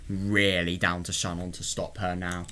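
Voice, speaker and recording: A man's voice: sits low, level tone, moderate pace. A man reading a game's text aloud and reacting casually in a musing way, often repeating short affirmations. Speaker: let's player. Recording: music behind the voice. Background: game music.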